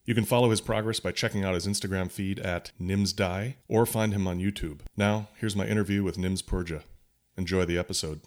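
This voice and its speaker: A man's voice: low voice, fairly even intonation, brisk. A man hosting a podcast, reading a scripted intro and then asking questions with some hesitation and repeated words. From United States. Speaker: podcast host. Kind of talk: casual interview, scripted intro.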